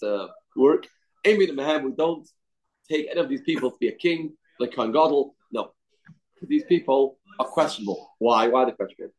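A man's voice: mid-range voice, low-quality recording. A man gives an informal religious lesson, reading from a text and explaining it, often repeating phrases and posing rhetorical questions. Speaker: Torah teacher.

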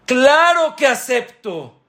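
A desperate mother begging a sage to save her only son, as a male preacher voices her. The voice is pushed well above his own, loud and tearful, and the words are stretched slowly in a storytelling sermon. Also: very animated, exaggerated voice. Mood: eager, astonished. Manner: high, tearful pleading.

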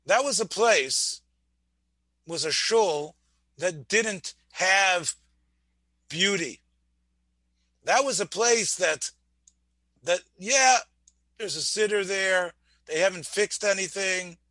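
A man's voice: high-pitched, slow, pauses often, sharp tone, dry recording. A man teaching a Torah class, often restarting words, asking his listeners questions and mixing Hebrew phrases into his English. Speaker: rabbi lecturer.

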